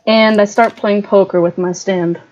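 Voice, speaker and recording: A woman's voice: medium pitch, steady tone, moderate pace, a little mellow, muffled recording, slight background noise. A woman playing a tabletop game over voice chat, hesitant and stop-start as she describes her actions. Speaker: player. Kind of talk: casual tabletop role-play chat.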